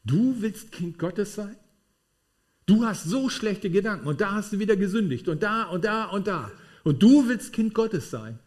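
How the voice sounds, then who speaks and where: Man doing a mocking devil accuser in a sermon, slightly high. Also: animated, moderate pace, darkish tone. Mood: accusing. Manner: mocking, reproachful questioning. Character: accusing devil, sneering and reproachful.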